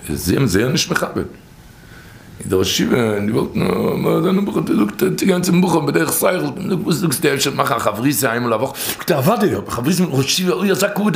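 Gravelly-voiced man telling religious stories. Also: mid-range voice. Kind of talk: informal storytelling talk. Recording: echoey room.

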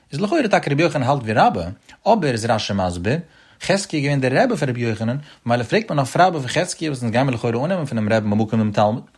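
A man's voice: mid-range voice, slightly rough. A man giving a Talmud study lesson, talking through it in a rising and falling sing-song study chant. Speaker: Talmud teacher.

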